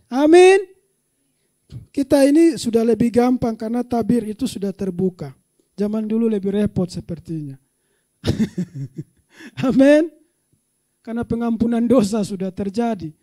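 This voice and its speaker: Guy preaching a sermon, real high voice but dark mellow tone, gets loud and laughs a lot. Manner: animated preaching, rising to loud shouts, with frequent laughter. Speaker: pastor.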